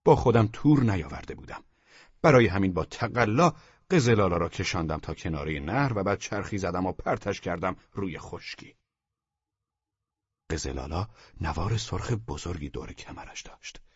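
A deep-voiced man reads a literary novel in a calm, measured storyteller's delivery that often drops to a soft near-whisper. His tone is husky, and the recording is dry, dull and lo-fi. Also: no room sound. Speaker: audiobook narrator. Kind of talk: scripted literary narration.

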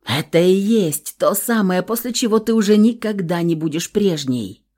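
A woman narrating a first-person audiobook in an even, measured reading. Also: medium pitch.

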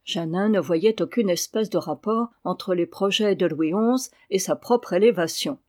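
A measured reader telling a classic adventure novel, each sentence carried at an even pace. The delivery is plain and clear, a literary audiobook narration. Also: mid-range voice. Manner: steady, measured reading.

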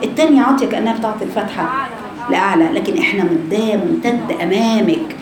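In a recorded class session, a woman with an Egyptian Arabic accent teaches Quran recitation, explaining the rounded vowel, sounding it out as a demonstration and quizzing her students. Her mid-range voice is fast, and the echoey room carries crowd and background noise.

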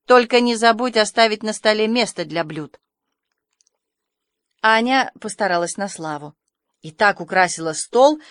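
A woman with a fairly low voice narrates an audiobook in a measured, even storytelling style. The sound is dry and studio-clean.

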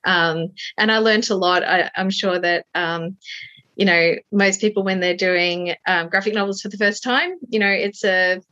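A woman author speaks earnestly at a mid pitch, with an even flow broken by soft pauses. The sound is dull and lo-fi, with no room echo around her voice. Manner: earnest, steady, frequent "um". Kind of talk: casual interview answers.

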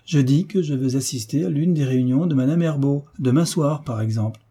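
A man's voice: mid-range voice, fairly quick, dark tone, husky. A man voicing a cool, commanding young heiress in an audiobook, giving firm, clipped orders. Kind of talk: audiobook character reading.

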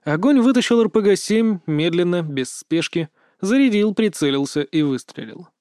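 A man's voice: sits high, lively intonation, normal speed, darkish tone, no echo, clean studio sound. A man narrating a war adventure story in short, clipped sentences. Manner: terse, clipped action narration.

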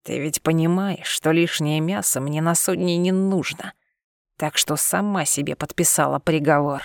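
A woman reading an audiobook, voicing a gruff, scornful cat-eared alien man in a lowered voice. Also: steady tone, normal speed, no echo, clean studio sound. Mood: menacing.

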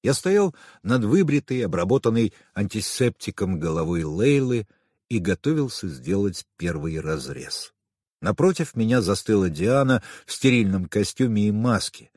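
A man reading a novel aloud in first person, with a dramatic, expressive delivery. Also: on the low side, normal speed, dry recording, clean studio sound. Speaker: audiobook narrator. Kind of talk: scripted first-person narration.

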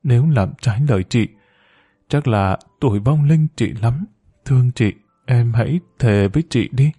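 A man voicing a dying woman in an audiobook story, soft and breathless as she pleads. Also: medium pitch, normal speed, husky, no echo, natural voice. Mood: urgent. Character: dying woman, gentle and insistent.

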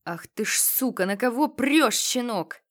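A woman's voice: mid-range voice, lively intonation, normal speed, natural voice. A crude gangster boss with a lisping drawl who barks his orders, as a woman reads him in an audiobook. He sounds menacing and coarse. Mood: threatening.

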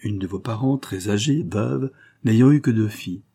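A man's voice: fairly low pitch, normal speed, breathy edge. A man reading an audiobook, voicing a scheming, coldly polite marquis who sneers and presses his threats. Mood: insinuating. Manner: sneering, insistent, rising to forceful outbursts.

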